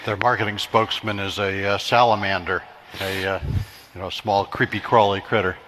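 A man's voice: lowish voice, flat delivery, moderate pace, a bit bright. A man from the United States moderating a conference panel, genial and jokey with hesitant fillers. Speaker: session moderator.

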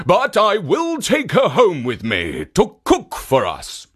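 A storyteller voicing a big, sly male ogre who speaks loudly and gruffly. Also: medium pitch, huge pitch swings, slow pace, pitched above the performer's own voice, exaggerated voice. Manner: loud, sniffing, gruff.

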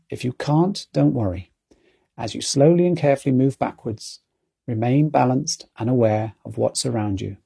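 A man giving calm guided mindfulness narration as an outdoor exercise coach, speaking in a soothing, measured, instructional way. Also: mid-range voice, gravelly, slightly rough.

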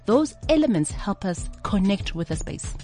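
A woman's voice: mid-range voice, very animated, normal speed, dark tone, soft background music. A middle-aged South African woman with a buttery, honeyed voice, talking as an interior designer in a radio interview. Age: 40s or older.

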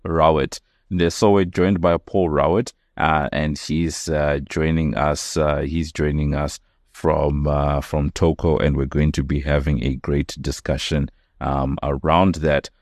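A man's voice: very deep voice, level tone, unhurried, a little mellow, no room sound, studio quality. A man hosting a business interview podcast, talking with many fillers and restarts. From South Africa. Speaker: podcast host.

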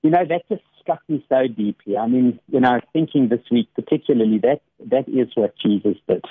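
Over a dry, echo-free, phone-like radio line, a husky, medium-pitched man talks fairly quickly as a regular academic guest on a devotional program. His warm, conversational story comes with frequent small restarts and ready laughter.

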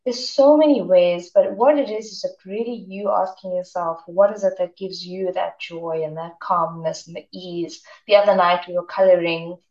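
Woman, self-care coach, gentle reflective talk, distant from the mic, dull lo-fi line. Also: on the low side, steady tone, moderate pace, hardly any pauses, reverberant. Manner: gentle, reflective, with frequent "you know". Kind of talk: casual radio interview chat.

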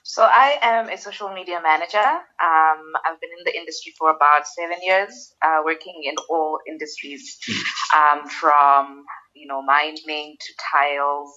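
A woman with a notably low voice speaks as an interview guest. She answers in a conversational way. The remote recording is somewhat dull and lo-fi. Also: fairly even intonation, unhurried, pushed and bright, slight background noise. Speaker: guest, social media manager. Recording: dull lo-fi remote call audio.

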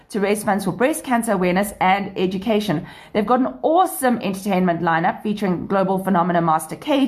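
A woman with a South African accent hosting a radio show, presenting in an enthusiastic, upbeat way that mixes scripted items with chat. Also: mid-range voice. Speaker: radio show and podcast host.

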